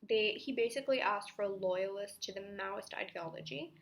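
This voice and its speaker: A woman's voice: mid-range voice, normal speed, vocal fry, a little hiss or hum. A young woman talking through history revision notes in a casual, chatty way, with self-mocking asides and the odd whisper. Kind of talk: casual study-video explanation.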